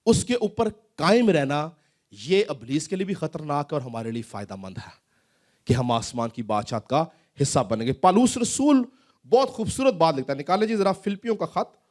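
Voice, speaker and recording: A male pastor preaching a sermon in a church hall, asking rising questions and then dropping his voice low. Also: darkish tone.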